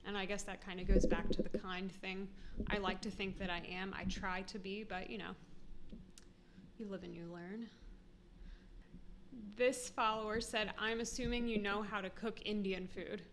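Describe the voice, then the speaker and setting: A woman's voice: mid-range voice, steady tone, moderate pace, a bit bright, slight background noise. An American woman vlogging to camera, chatty and self-deprecating, often laughing. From United States. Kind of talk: casual talk to camera.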